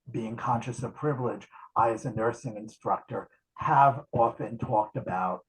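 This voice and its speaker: A man's voice: lowish voice, rough recording. A man speaking as a nurse educator in a conversational talk on a video call. He tells stories with frequent restarts and acts out dialogue.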